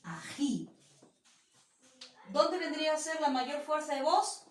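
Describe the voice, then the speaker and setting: A fairly high-voiced woman teaching with a Peruvian Spanish accent. She explains patiently and says each example word slowly and clearly. Her voice sounds echoey and set back from the mic. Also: lively intonation. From Peru. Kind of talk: online class lesson. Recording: echoey room, voice from a distance.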